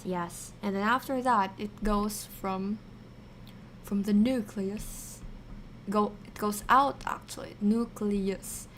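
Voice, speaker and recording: A woman hosting a casual livestream science lesson, thinking aloud haltingly and repeating key terms as she chats with viewers. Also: mid-range voice, a bit bright, slight background noise. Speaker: science streamer, virtual avatar host.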